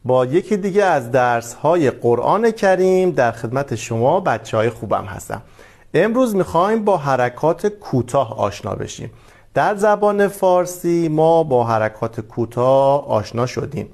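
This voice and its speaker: A man teaching a Quran lesson to children, speaking gently and encouragingly and reading letters aloud for them to repeat. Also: mid-range voice, animated. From Iran.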